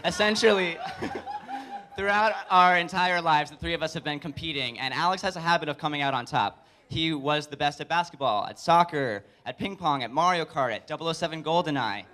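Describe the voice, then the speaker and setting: A young adult man giving a wedding toast as best man, joking with deliberate comic pauses. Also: a little high, bright, forceful tone. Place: live speech at a wedding reception.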